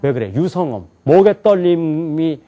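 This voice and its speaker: Male lecturer, lively rising and falling delivery, quizzes the room. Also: fairly high pitch, measured pace, dull audio. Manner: animated, asks the class questions and answers them himself. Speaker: English teacher. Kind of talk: lecture to a live class.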